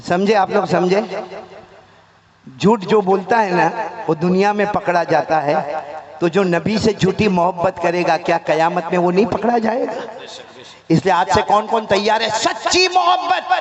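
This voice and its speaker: A man preaching with comic stories, animated, calling on the audience to answer back. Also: high voice, highs cut off, crowd noise. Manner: animated, leads call-and-response. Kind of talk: sermon with comic storytelling.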